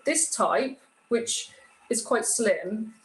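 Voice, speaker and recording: This woman talks extremely slowly in a higher-than-average voice with lively intonation. As a guest craftsperson, she gives an informal, plain-spoken demonstration of a cutting machine, step by step. There's a roomy echo and obvious background noise in the recording.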